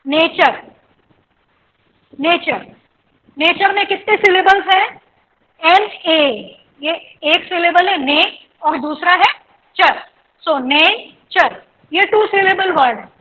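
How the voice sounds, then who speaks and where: A woman with an Indian accent teaches pronunciation, repeating example words and pausing to ask if the class follows. She speaks slowly and deliberately. Her voice is very high and bright. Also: low-quality recording. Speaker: English teacher.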